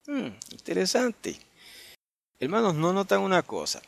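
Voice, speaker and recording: A man's voice: sits high, huge pitch swings, a little slow, gravelly. A man leading an online Bible study, reading verses aloud and then commenting on them, often checking with his listeners and thinking aloud with restarts. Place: online group meeting.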